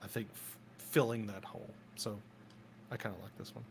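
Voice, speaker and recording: A man co-hosting a live show in casual chat, explaining things step by step and checking in with quick tag questions. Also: fairly low pitch, steady tone, gravelly, slight background noise. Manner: explains step by step, keeps asking "right?". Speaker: podcast co-host.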